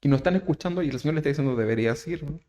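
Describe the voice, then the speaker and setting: Man, Chilean Spanish accent, pastor's sermon, rhetorical questions, loud emphatic peaks then soft asides, slightly higher voice. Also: racing. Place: church.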